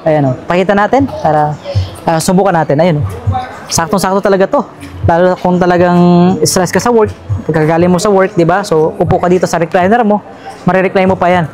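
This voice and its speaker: A woman's voice: fairly low pitch, darkish tone. A woman with a Filipino accent giving a casual walkthrough vlog of a store sale, chatty and upbeat, reading out prices with lots of fillers and tag questions. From Philippines. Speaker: vlogger touring a store sale. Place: large indoor furniture store sale.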